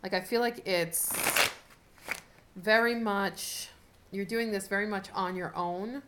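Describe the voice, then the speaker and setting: A woman giving a casual, unscripted tarot reading as host, talking in a chatty, halting way as she thinks aloud. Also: mid-range voice, steady tone. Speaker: tarot card reader hosting a video reading. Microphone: camera set up in front of the speaker. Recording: noticeable background noise with clicks.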